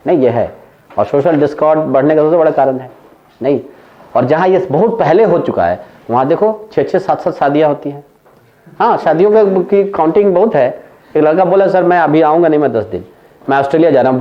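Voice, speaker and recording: A high-pitched male economics teacher with an Indian accent delivers a lecture full of anecdotes, going back and forth between Hindi and English and laughing at his own tales. The recording lacks high frequencies.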